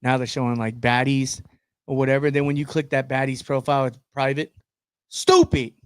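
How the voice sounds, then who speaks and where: A man co-hosting a podcast in casual chat, crude and joking, often bursting into loud laughter. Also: mid-range voice, flat delivery, a little fast, clean tone, dry recording. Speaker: podcast co-host.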